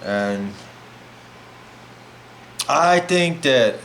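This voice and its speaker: A man's voice: mid-range voice, drawn-out words, a little hiss or hum. A middle-aged man rambling casually through a personal story, full of "like" fillers, talking while he prepares food at home. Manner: rambling, animated, many "like" fillers.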